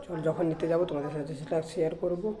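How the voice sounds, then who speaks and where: A man from West Bengal, India, chatting rapidly to his viewers in a casual daily vlog, recorded outdoors on a handheld phone. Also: on the high side, steady tone, a crowd in the background. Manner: chatty, rapid, repeats sign-offs. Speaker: vlogger. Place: outdoors, at a fair and by a road. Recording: loud traffic and outdoor noise.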